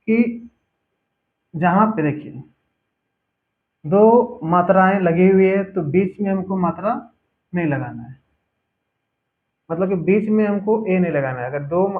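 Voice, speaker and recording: A man teaching a spelling lesson, patiently repeating each word slowly for his students. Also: high voice. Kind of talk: spelling lesson over a board. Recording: tinny phone-like audio.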